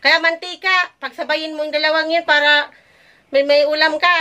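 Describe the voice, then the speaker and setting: A woman's voice: sits high, fairly even intonation, moderate pace, bright, forceful tone, a little hiss or hum. A woman playing an overworked, exasperated village mother in a drama, kvetching and nagging in long repetitive complaints. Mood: scolding, nagging. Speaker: actor in an amateur short film. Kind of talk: naturalistic family drama acting.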